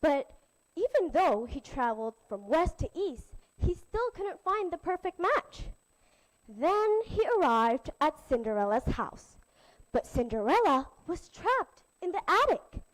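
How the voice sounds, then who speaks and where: A woman's voice: high voice, rough recording. A woman telling a fairy tale to children as a storyteller, in a sing-song manner. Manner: slow, lively, sing-song.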